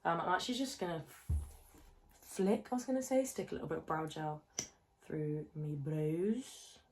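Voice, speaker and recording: A woman's voice: on the low side, animated, fast talker. Chatty woman in her twenties. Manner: chatty, rambling, self-deprecating, lots of fillers. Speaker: fitness vlogger. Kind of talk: casual chatty get-ready-with-me vlog. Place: home, indoors. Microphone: phone camera held close.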